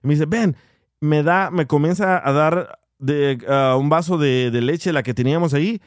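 A man a slightly high voice tells a funny story in casual chat. He laughs often and acts out the people in it. The sound is dry and close. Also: moderate pace, clean tone, no room sound.

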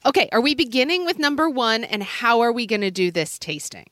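A woman's voice: fairly high pitch, sing-song, a little fast, fairly bright tone, no echo, studio quality. A woman co-hosting a podcast in casual, conversational talk. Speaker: podcast co-host. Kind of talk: casual chat.

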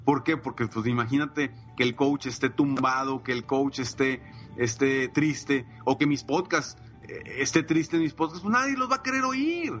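A man's voice: mid-range voice, normal speed, a bit bright, highs cut off, faint music behind. A man, a coach and podcaster, talking emphatically and enthusiastically in a casual podcast chat. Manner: enthusiastic, emphatic, frequent fillers like "eh" and "pues".

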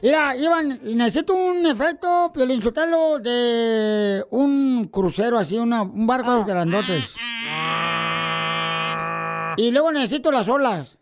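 A man's voice: extremely high pitch, animated, a little slow, soft background music. A man playing Casimiro, a goofy male joke teller on a radio comedy show, who rambles, repeats himself and makes sound effects. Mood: joking.

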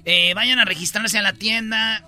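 A Mexican man hosting a comedy radio show, cracking jokes and putting on national accents. His voice is high and very bright, with lively swings in pitch. Faint music plays beneath the studio talk. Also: moderate pace. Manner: jokey, mimicking national accents, laughing.

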